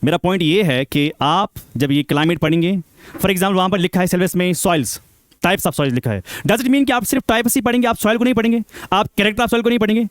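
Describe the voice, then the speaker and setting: A man's voice: sits high, brisk, no echo. Emphatic male seminar speaker. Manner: emphatic, rhetorical questions, mixes English into Hindi. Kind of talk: exam guidance talk to students.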